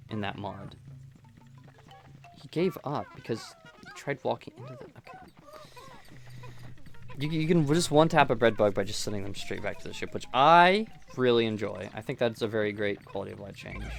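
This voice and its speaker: Gravelly-voiced man chatting over gameplay. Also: mid-range voice. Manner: rambling, self-correcting, chatty. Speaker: gameplay streamer. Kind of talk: relaxed gameplay commentary. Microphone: close desk microphone.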